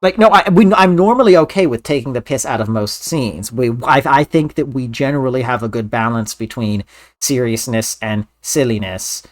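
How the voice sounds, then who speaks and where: A man giving casual video game commentary as a Let's Player, earnest and somewhat halting. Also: medium pitch.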